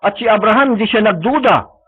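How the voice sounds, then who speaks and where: A man preaches with a very high voice, switching between Tagalog and English and tagging his points with quick checks to the listeners. The sound is thin and phone-like, as if from a live stream. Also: animated, breathy edge. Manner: mixes Tagalog and English, frequent tag questions. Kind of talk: sermon. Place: church service.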